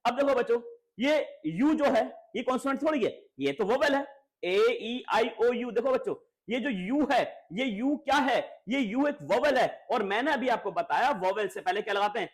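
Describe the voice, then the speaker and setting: A man's voice: extremely high pitch, moderate pace. A man teaching a grammar lesson to schoolchildren, asking and repeating questions. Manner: lively, repeats questions to students, coaxing.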